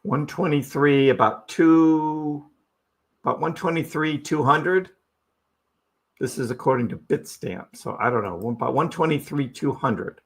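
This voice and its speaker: A man's voice: on the high side, a little slow. A man hosting a live crypto stream, giving casual chart commentary and asking his audience rhetorical questions. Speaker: crypto livestream host.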